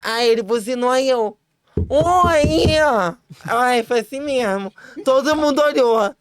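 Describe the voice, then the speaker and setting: Smooth-voiced woman telling a lively story. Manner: lively, laughing, quick restarts, high-pitched quoted voices. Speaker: podcast guest. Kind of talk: casual storytelling chat.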